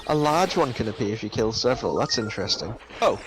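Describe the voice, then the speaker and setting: A man's voice: medium pitch, big pitch swings, fast, a little hiss or hum. A man chatting casually during a game stream, rambling, swearing offhand and laughing through his own stories. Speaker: co-op stream guest. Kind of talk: casual gaming chat.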